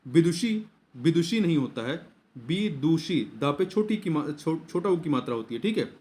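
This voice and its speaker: A man's voice: on the high side, animated, normal speed, a little mellow. A male teacher going through exam questions one by one, repeating key words and asking and answering his own questions. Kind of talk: explaining Hindi exam answers.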